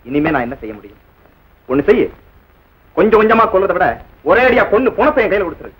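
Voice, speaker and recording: An actor playing a solemn brother-in-law who speaks with slow reproach in a classic film. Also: male voice, high voice, sing-song, husky, exaggerated voice, poor audio. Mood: bitter. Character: stern, grave brother-in-law.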